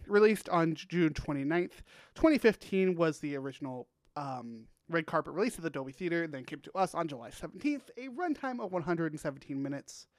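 A man's voice: a little high, no echo. A man hosting a casual podcast, upbeat and rambling with plenty of fillers. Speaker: podcast host.

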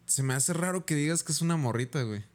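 A man's voice: on the high side, lively intonation, quick pace. A young man with a Mexican accent, co-hosting a music podcast in laid-back chat full of slang. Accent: Mexican Spanish. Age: young adult. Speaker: podcast co-host. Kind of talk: casual chat.

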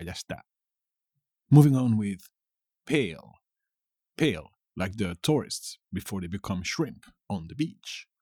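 Man, teacher, jokey, slow and drawn-out, dry close sound. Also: on the low side, darkish tone, breathy edge, dry recording. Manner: playful, jokey, slow and drawn-out on key words. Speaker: Spanish teacher. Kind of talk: bilingual vocabulary lesson.

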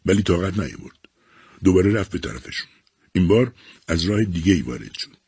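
Deep husky male audiobook narrator. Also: dry recording, clean studio sound. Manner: expressive, acts out each character. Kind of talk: scripted storytelling narration.

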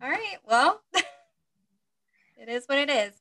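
A woman's voice: high voice, sing-song, slow, sharp tone. A woman co-hosting a podcast, chatting casually with fillers and then reading a story aloud. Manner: chatty, filler-heavy, laughs at herself. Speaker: podcast co-host and reader.

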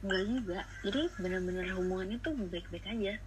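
A woman's voice: medium pitch, brisk. A young woman telling a personal story casually and hesitantly over a phone call, mixing in English phrases. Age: young adult. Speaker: podcast guest on a phone call. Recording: phone call with clear background noise.

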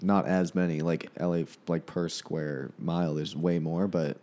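Soft-spoken hesitant young man, low voice. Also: fairly even intonation, normal speed. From Canada. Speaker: stand-up comedian guest. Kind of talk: casual podcast chat.

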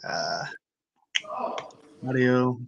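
A man's voice: mid-range voice, extremely slow, gravelly, slight background noise. A male interviewer heard over a bad remote connection that breaks up and sounds robotic, repeatedly checking whether he can be heard. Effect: breaking-up call audio, robotic-sounding. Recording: muffled, dropping remote call line.

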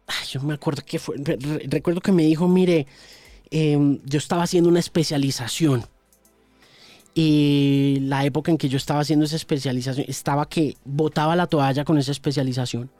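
A radio host from Colombia, telling stories in an interview, animated and full of repeated words and restarts. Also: male voice, fairly high pitch, dry recording. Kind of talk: storytelling in an interview.

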